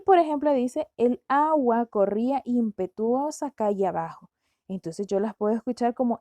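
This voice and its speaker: A woman teaches a grammar lesson, working through examples and pausing to pose questions to her students. Her voice sits somewhat high but sounds mellow and warm. The recording is dry and close, with no room sound. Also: no echo. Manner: explains step by step, asks rhetorical questions.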